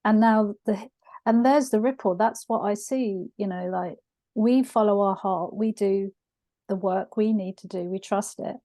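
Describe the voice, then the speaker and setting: A middle-aged woman hosts a conversational podcast and tells personal stories with open feeling. Her voice is mellow and soft-edged, and it sounds close and dry, with no room around it. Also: mid-range voice, measured pace, dry recording. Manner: heartfelt storytelling. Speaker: podcast host. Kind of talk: conversational interview.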